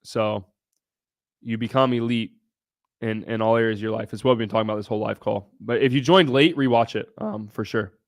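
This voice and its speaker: Hosting a casual livestream, a young man from Southern Ohio fields viewers' questions in a brash, blunt manner and swears freely. He speaks fairly quickly in a lowish voice, with studio-quality sound and no echo.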